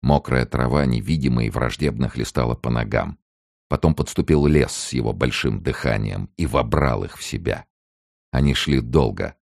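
A man reading a novel aloud as an audiobook narrator, in a steady, measured storytelling manner. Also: a bass voice, creaky, no room sound, studio quality. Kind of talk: scripted narration.

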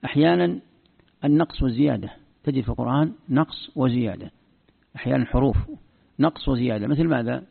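Male scholar, lecturing; heavy fry, breathy edge; slows for careful verse recitation; lo-fi phone-like audio. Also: mid-range voice. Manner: slow deliberate recitation of verses between explanations. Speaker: Islamic scholar teaching Quran readings. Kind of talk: classroom lesson on Quranic variant readings. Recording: tinny phone-like lo-fi recording.

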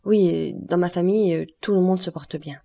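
A shaken, hesitant young man, read by a woman in an audiobook. Her voice is dark and mellow, with a soft huskiness. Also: fairly low pitch, normal speed, creaky. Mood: troubled.

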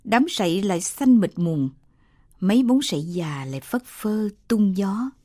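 A woman calmly reading a late-night radio story in a measured, lyrical way. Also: medium pitch, dry recording, clean studio sound.

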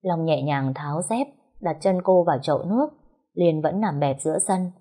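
A woman narrating a story in a steady, even reading voice. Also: low voice, moderate pace, breathy edge.

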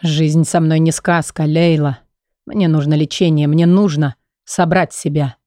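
Audiobook: tormented young man with a split personality, low, desperate pleading, read by a woman. Warm tone, dry booth. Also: level tone, measured pace, dry recording.

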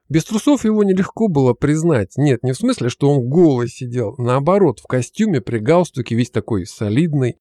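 A man reading a first-person novel as an audiobook, in an even, conversational storytelling manner. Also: medium pitch, no room sound, clean studio sound. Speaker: audiobook narrator.

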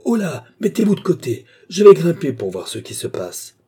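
A man reading an audiobook, voicing an angry young aviator officer who shouts demands. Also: mid-range voice, expressive, normal speed, slightly rough. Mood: alarmed.

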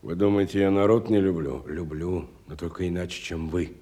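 A male actor with a low, normal-paced voice close to his everyday sound plays a wealthy, educated, bitter industrialist in a radio stage drama. He is theatrical and musing, earnest and impassioned, shifting between soft and emphatic delivery.

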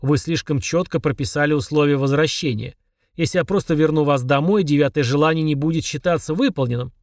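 A man voices a small, spiteful, grumpy demon who grumbles, sneers and snaps sarcastically. His voice is a little high and brisk, close to an everyday voice. The recording is dry and close, and the mood is grumbling.

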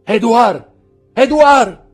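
A man doing a frantic, husky royal prosecutor. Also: extremely low pitch, a little slow, faint music behind, heavily acted. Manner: shouting, desperate outbursts. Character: anguished male royal prosecutor, haunted, frantic.

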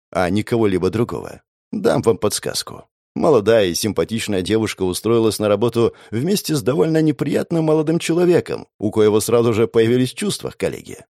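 A man's voice: lowish voice, creaky, a little mellow, no echo, clean studio sound. A man narrating an audiobook in the first person, with sardonic, crude asides.

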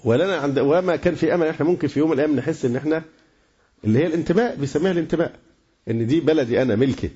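A man's voice: on the high side, very fast, dark tone, husky. A man with an Egyptian accent giving a religious lecture in a colloquial tone, often stumbling and repeating words as he searches for them. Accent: Egyptian Arabic. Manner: colloquial, many repeated hesitations. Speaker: preacher. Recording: dull lo-fi lecture recording.

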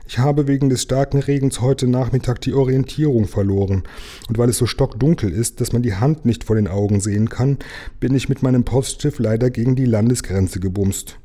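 A man's voice: lowish voice, normal speed, hardly any pauses, warm tone, husky. A man reading aloud, voicing an apologetic, slightly plaintive mail carrier in a children's story. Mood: plaintive, polite. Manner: apologetic, anxious.

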